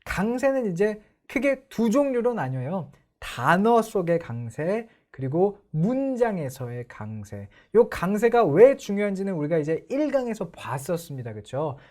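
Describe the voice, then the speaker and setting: A woman's voice: medium pitch, sing-song, a little slow, hardly any pauses, mellow. A young woman teaching English pronunciation in an online lecture, explaining and putting questions to the viewers.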